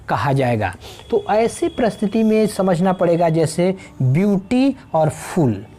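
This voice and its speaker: Lady teacher, low warm voice, slow grammar lesson, lots of uh and spelling letters out. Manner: slow explaining, spells out letters, many fillers. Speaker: English teacher.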